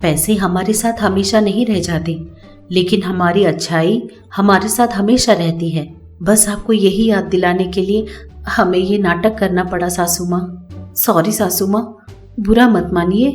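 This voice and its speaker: A woman as a gentle, soothing daughter-in-law. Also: fairly high pitch, a little slow, soft background music, close to an everyday voice. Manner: soothing, coaxing.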